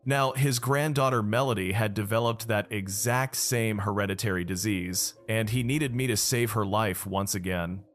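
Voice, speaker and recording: A man's voice: on the low side, moderate pace, few pauses. A man narrating a dramatic story recap in the first person.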